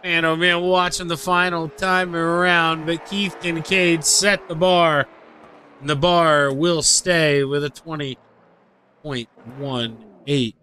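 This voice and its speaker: A middle-aged man calling sim racing laps as play-by-play commentator, excitable and fighting the hiccups. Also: fairly high pitch, a little hiss or hum. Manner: excitable, rises to shouts on quick laps. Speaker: race commentator.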